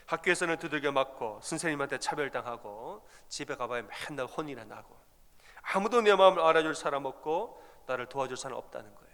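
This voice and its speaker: A male pastor preaching a sermon, telling a story in an animated way and acting out the people in it. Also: medium pitch, big-room sound.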